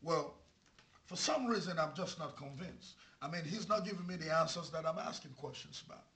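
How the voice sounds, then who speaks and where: A man's voice: a little high, lively intonation, brisk, a bit bright. A man playing a skeptical, formal immigration officer in a comedy sketch, insistent and repeating his questions.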